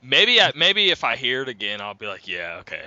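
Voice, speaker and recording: A man in his twenties hosts a podcast, chatting loosely and rambling with lots of fillers, saying "like" a lot. His medium-pitched voice is very animated, a little fast and sharp. The dull lo-fi podcast mic picks up no echo.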